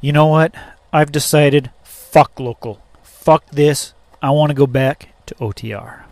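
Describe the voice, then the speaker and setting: A man's voice: on the high side, a little slow, darkish tone. Rambling, profane storytelling man. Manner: rambling, profane, lots of fillers and restarts. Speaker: truck driver. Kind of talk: casual storytelling vlog.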